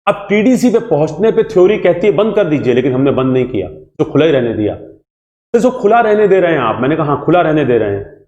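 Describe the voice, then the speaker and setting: A man teaching an engineering exam class in a lively, repetitive way, acting out student questions and answering them himself. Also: fairly high pitch, fast, dull audio. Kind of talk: classroom lecture. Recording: echoey room.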